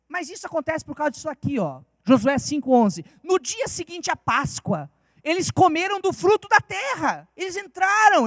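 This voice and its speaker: High-voiced fervent Brazilian preacher. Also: male voice, fairly bright tone, no echo, clean studio sound. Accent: Brazilian Portuguese. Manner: fervent, with rhetorical questions. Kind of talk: sermon. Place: church.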